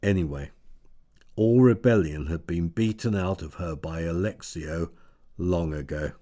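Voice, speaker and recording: A man reading an audiobook in a measured, steady storytelling manner. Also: sits low. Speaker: audiobook narrator. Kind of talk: scripted narration.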